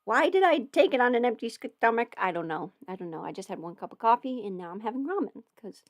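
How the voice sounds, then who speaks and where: Very animated and quick, this woman's slightly high voice comes through dry and studio quality. She's an audio performer livestreaming alone from her house, chatting casually, rambling, and muttering while she fiddles with settings on a studio mic run through an audio interface.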